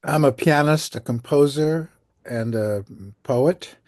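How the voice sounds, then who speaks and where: An older man, a composer and lyricist appearing as a guest, answers interview questions by telling chatty stories with light laughs. His voice is a little high with a darkish tone, and he takes his time; the recording is dry and studio quality.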